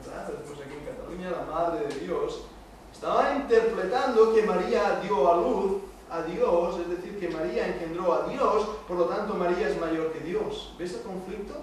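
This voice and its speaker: A man's voice: high-pitched, moderate pace. A middle-aged man with a Spain Spanish accent, teaching a Bible study to young people, speaking emphatically and putting rhetorical questions to the room. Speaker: church youth teacher. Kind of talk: Bible study lecture to youth. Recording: echoey room, distant mic, faint noise.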